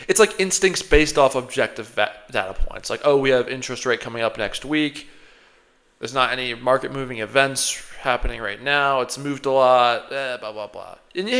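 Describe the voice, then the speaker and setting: Sniffling and a little under the weather, this man speaks right up against his microphone in a casual, self-reflective monologue about his day trading. He wanders from point to point, correcting himself and criticizing himself harshly, his ordinary mid-pitch voice coming across pushed and bright.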